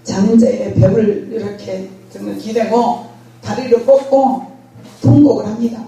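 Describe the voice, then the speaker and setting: Older woman pastor, lively storyteller, mellow voice, very echoey far-off sound. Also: medium pitch, a little slow. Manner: animated storytelling, acts out scenes. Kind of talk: sermon. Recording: very echoey hall, distant mic.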